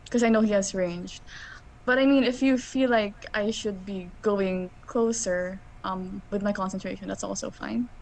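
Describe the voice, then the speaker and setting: Woman, tabletop game player, casual, mid pitch, faint background noise. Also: fairly even intonation, normal speed, darkish tone, rough recording.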